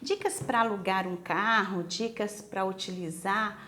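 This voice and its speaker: A woman's voice: medium pitch, steady tone, unhurried, bright, forceful tone, a little hiss or hum. A Brazilian woman teaching English to senior students, speaking with a Brazilian Portuguese accent, patiently saying each word several times and asking the class to repeat.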